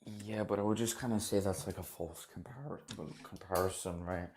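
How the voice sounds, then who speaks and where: A man's voice: fairly low pitch, normal speed, darkish tone, husky. A man hosting a casual debate stream, making blunt arguments, swearing freely and often checking that the listener follows. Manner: argumentative, keeps checking agreement.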